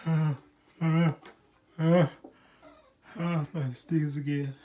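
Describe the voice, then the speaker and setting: A man in a casual family prank vlog, playfully teasing his child and faking loud, exaggerated sneezes. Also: a little high, flat delivery, drawn-out words, muffled recording, a little hiss or hum. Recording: clear music playing underneath.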